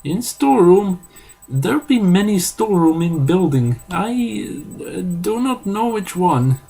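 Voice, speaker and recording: A man voicing a huge, dim-witted male security guard with an Eastern European accent, speaking in slow, broken, halting phrases. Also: high voice, very animated, vocal fry, dark tone, breathy edge, faint music behind, voice pushed up, full character voice, poor audio.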